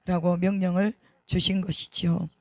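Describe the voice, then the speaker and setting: A man's voice: high-pitched, level tone, moderate pace, no room sound. A man preaching a sermon as pastor, emphatic, repeating key words and putting rhetorical questions to the congregation.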